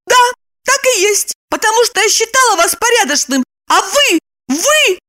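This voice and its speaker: A woman reading an audiobook and voicing an excitable young woman who quickly turns indignant. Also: very high voice, voice pushed up. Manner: quick to flare up, exclamatory. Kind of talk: audiobook character voice.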